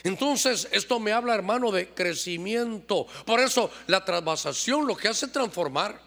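A man's voice: sits high, lively intonation, normal speed, fairly bright tone. Impassioned middle-aged male pastor preaching. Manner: impassioned preaching, addressing the congregation as "hermano", with call-and-response. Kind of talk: sermon. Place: church. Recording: long church-hall reverb.

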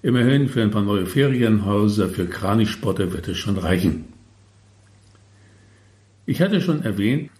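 Man, author reading his own comic tale; low, dark voice, wry asides, echoey room. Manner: wry, tongue-in-cheek asides. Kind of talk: humorous storytelling.

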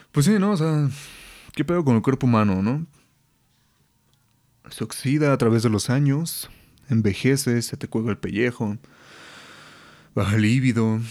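A man's voice: mid-range voice, a little mellow. A young man with a Mexican accent hosting a podcast, telling stories in a slangy, joking rant. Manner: slangy, joking, laughs often. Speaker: podcast host. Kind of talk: casual storytelling rant.

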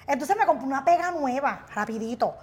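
A woman tells stories as a podcast guest at home. Her voice is high, and her storytelling is animated and expressive. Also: brisk. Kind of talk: casual chat.

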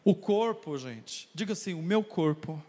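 A man's voice: high-pitched, lively intonation, measured pace, warm tone, slight background noise. A man preaching a sermon as pastor, calling on the congregation to raise their hands and answer back. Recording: long reverb of a church hall.

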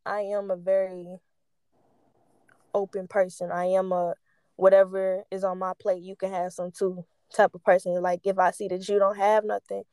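A woman's voice: medium pitch, warm tone, clear, resonant tone, no room sound, clean studio sound. A young woman telling personal stories casually, stoned and rambling, losing her thread, with candid slang and free swearing.

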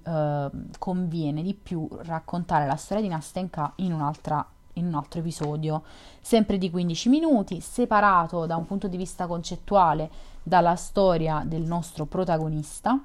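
A woman hosting a podcast, reading a story aloud and then chatting casually, calm and measured with some hesitant restarts. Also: sits low. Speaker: podcast host and reader.

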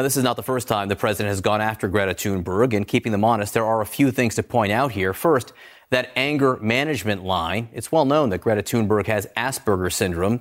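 A male cable news anchor speaks from the studio, and his pitch rises and falls widely as he makes his points. His delivery is pointed and indignant, with a scripted, editorial cadence.

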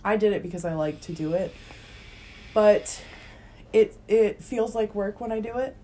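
A woman's voice: mid-range voice, normal speed, mellow, a little hiss or hum. A woman co-hosting a casual chat podcast with a friend, laughing often and trailing off into fillers. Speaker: podcast co-host.

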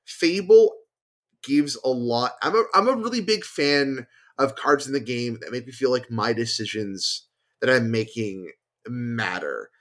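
A man's voice: mid-range voice, measured pace, a bit bright. A man, a podcast guest, talking casually about a card game and thinking aloud with many fillers and restarts. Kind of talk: casual chat.

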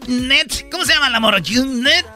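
A man's voice: extremely high pitch, animated, moderate pace, bright, forceful tone, faint music behind. A man hosting a comedy radio show, telling jokes and news stories and acting out the voices of the people in them. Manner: joking, storytelling, acts out quoted voices.

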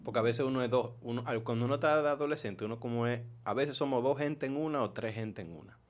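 A man's voice: medium pitch, quick pace. A man hosting a casual chat, telling funny stories with lots of laughter and acted-out voices. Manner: storytelling, laughs often, acts out voices. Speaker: podcast host.

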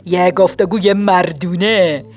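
A woman voicing a protective hyena father in a storybook, low and slow. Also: a little mellow, faint music behind, lightly acted. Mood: reassuring. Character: jokey hyena dad, gruff and protective.

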